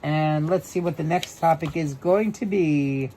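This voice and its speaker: A man with a New York accent hosting a casual live-stream, reading trivia questions aloud and answering viewers by name in a chatty, relaxed way. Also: fairly high pitch, unhurried, slight background noise. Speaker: livestream host.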